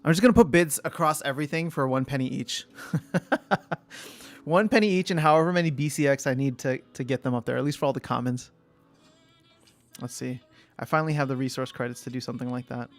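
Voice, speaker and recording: Young guy streaming, mid-pitched voice, rambling thinking-out-loud chat, soft music behind. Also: a little fast, long pauses. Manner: thinks aloud, reads chat, trails off mid-sentence. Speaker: livestream host. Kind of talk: casual livestream chat.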